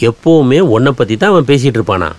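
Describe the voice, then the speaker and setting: An actor playing a calm, kindly wealthy father. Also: medium pitch, fast, no room sound, lightly acted. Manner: calm, reassuring. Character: wealthy, gentle older uncle and father. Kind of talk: film drama dialogue.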